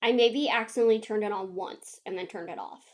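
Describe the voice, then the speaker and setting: A young woman co-hosting a podcast, telling a story in casual chat, animated, laughing often and acting out what others said. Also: medium pitch, brisk. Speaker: podcast co-host.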